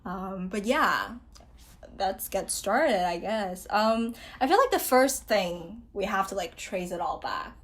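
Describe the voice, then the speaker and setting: A woman's voice: medium pitch, lively intonation, slow pace. Young female podcast host from Taiwan, casual chatty delivery, filler-heavy. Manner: chatty, many filler likes.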